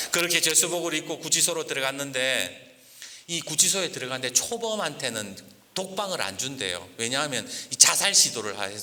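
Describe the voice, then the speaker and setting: A male pastor preaching a storytelling sermon, lively and acting out the voices of the people in his story. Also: on the high side. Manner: lively, acts out quoted voices. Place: church sanctuary. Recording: church hall reverb, faint hiss.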